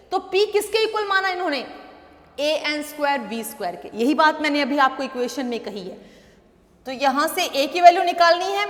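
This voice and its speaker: A woman teaching chemistry, mixing Hindi with English terms. She calls the students "beta", checks in with "thik hai", and slows down for English definitions. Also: high voice, fairly bright tone. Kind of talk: classroom lecture, Hindi mixed with English terms. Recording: roomy echo with long reverb.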